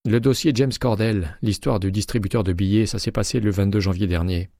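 A man's voice: on the low side, steady tone, a little fast, mellow, dry recording, clean studio sound, voice pushed up, natural voice. A male audiobook reader voicing a retired male investigator who asks for favors in a polite, persuasive tone. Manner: polite, persuasive phone talk.

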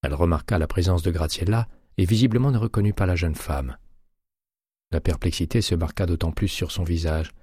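Man narrating audiobook, very deep voice, husky, dry close sound. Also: brisk, a little mellow, no echo.

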